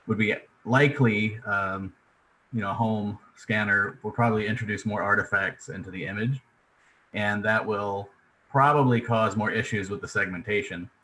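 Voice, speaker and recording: A man's voice: lowish voice, moderate pace, sharp tone, slight background noise, poor audio. A man answering a technical question in an online Q&A with a hedged, practical explanation, speaking over a video call. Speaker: fellow working on OCR.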